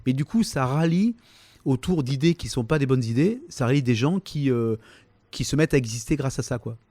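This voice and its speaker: A man in his fifties with a Provençal accent, answering interview questions in a halting way, full of fillers and restarts. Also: medium pitch, lively intonation, a little mellow, no echo. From southern France, Toulon. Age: 50s. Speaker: comedian, interview guest.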